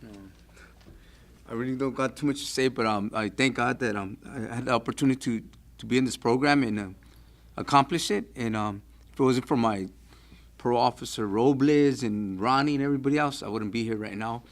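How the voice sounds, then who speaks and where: Male graduate, mid-pitched, quick and mumbling thanks. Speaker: program graduate.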